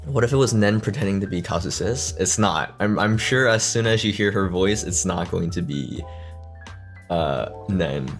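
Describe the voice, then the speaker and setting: A man hosting a casual chat stream, easygoing and quick to laugh, often restarting his words. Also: low-pitched, soft background music. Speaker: streamer host. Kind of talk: casual chat reading fan questions. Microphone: desk mic.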